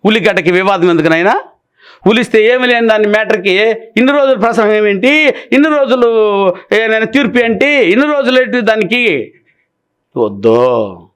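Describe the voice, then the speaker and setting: A male pastor preaching a sermon in an animated way, firing rhetorical questions and calling his listeners "nayana". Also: sits high, moderate pace, long pauses, clear, resonant tone.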